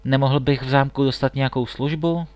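A man's voice: mid-range voice, steady tone, a little mellow, no room sound, lightly acted. A man voicing a disguised prince working as a swineherd in a storybook reading, cheerful and firm. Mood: cheeky.

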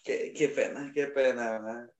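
A young Honduran man with a Honduran Spanish accent, co-hosting a podcast in loud, slangy casual chat. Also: medium pitch, fairly even intonation, measured pace, lo-fi sound. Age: young adult. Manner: loud, slangy, laughs often. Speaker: podcast co-host.

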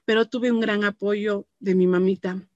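A woman with a mid-range, steady voice speaks at a moderate pace, recorded without echo but with the highs cut off. She is a business entrepreneur giving an earnest, heartfelt personal testimony, often closing phrases with a questioning "¿no?".

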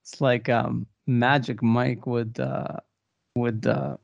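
A man's voice: medium pitch, flat delivery, takes it slowly, vocal fry, dry recording, dull audio. A man co-hosting a podcast in casual chat, rambling with fillers and laughing often. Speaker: podcast co-host.

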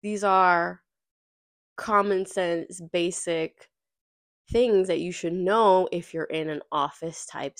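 Nasal, congested woman podcasting casually. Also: lowish voice. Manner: blunt, emphatic, slangy. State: congested from being sick. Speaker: podcast host. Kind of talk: casual solo podcast talk.

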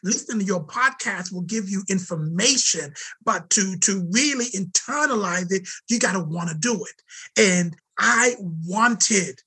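A man guest telling a story in conversation, animated and emphatic. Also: sits high, unhurried, slightly rough, rough recording.

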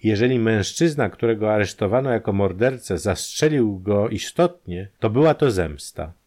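A man's voice: on the low side, expressive, normal speed, darkish tone. A man voicing a distraught young woman who pleads earnestly and urgently in an audiobook. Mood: earnest pleading.

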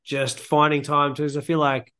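A man's voice: on the high side, level tone, moderate pace, pushed and bright. A man hosting an interview, asking questions in a blokey, informal, chatty way. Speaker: interviewer, host. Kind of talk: casual interview chat.

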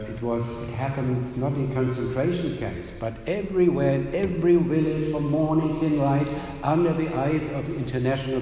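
A man's voice: mid-range voice, warm tone. Grave man in an echoey hall. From Germany. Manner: earnest, grave, emphatic. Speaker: speaker introducing the testimony. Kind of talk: explanatory talk to an audience. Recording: echoey hall with faint noise.

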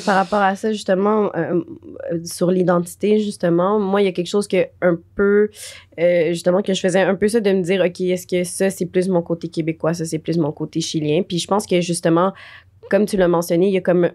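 A woman's voice: fairly low pitch, a little mellow. A woman with a Quebec French accent, co-hosting a podcast and speaking hesitantly with many restarts and fillers. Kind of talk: casual conversation.

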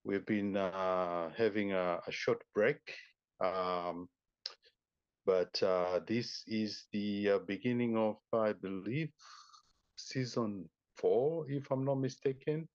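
A man's voice: fairly low pitch, takes it slowly, no room sound. A man hosting a podcast interview, asking his guests questions with many ums and uhs. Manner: hesitant, filler-heavy, welcoming. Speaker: podcast host. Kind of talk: interview conversation. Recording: dull, dry sound.

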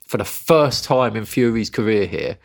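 A man hosting a podcast, giving a casual round-by-round review of a fight with chatty, animated storytelling. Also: fairly low pitch, normal speed, creaky. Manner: chatty, animated storytelling, says "mate" a lot. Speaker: podcast host.

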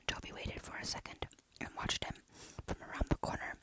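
A storyteller reading a dark horror story aloud in a steady, hushed whisper. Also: a little fast.

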